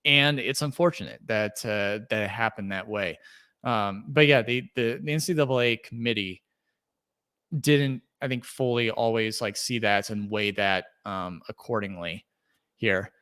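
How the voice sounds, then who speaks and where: A man's voice: on the low side, measured pace, sharp tone, clean tone. A young adult man hosting a solo sports podcast, talking casually and rambling through fillers and restarts as he thinks aloud. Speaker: podcast host.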